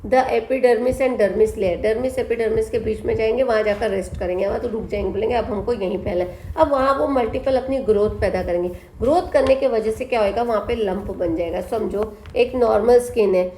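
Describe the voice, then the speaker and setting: A woman teaching a biology exam-prep lesson, reading textbook lines slowly, then explaining them, asking questions and answering them herself. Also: fairly high pitch, warm tone. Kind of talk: exam-prep lesson in mixed Hindi and English. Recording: echoey room, faint background noise.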